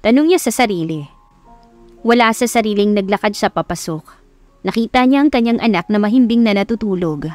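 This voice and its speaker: This audiobook narration comes from a woman with a Filipino accent, delivering a scripted story dramatically in a mid-range, darkish, expressive voice at a brisk pace. There's no room sound, just music running beneath her reading.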